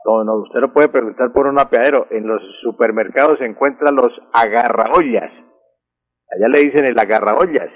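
A man with a husky voice explaining word usage on a radio segment, repeating words for emphasis. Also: medium pitch, normal speed. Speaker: language expert answering listener questions. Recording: dull lo-fi radio recording.

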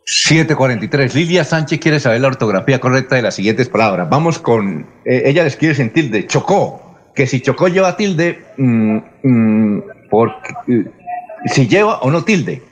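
A male radio host moves briskly through listener questions, reading each one aloud. His voice sits at a middle pitch and sounds everyday. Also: expressive.

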